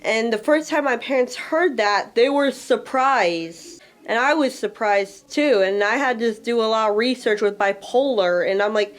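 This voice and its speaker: A woman's voice: fairly high pitch, measured pace, hardly any pauses. A woman in her twenties, from Russia, telling her own life story candidly in a chatty way, with many "like" fillers. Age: 20s. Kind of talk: personal spoken storytelling.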